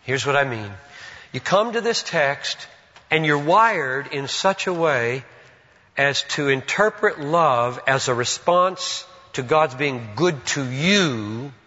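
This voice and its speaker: A man's voice: medium pitch, lively intonation. Older man preaching in a reverberant hall. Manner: earnest, swings from loud exhortation to hushed reflection; slow, deliberate repetition of phrases. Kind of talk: sermon. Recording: long reverb, dull lo-fi sound.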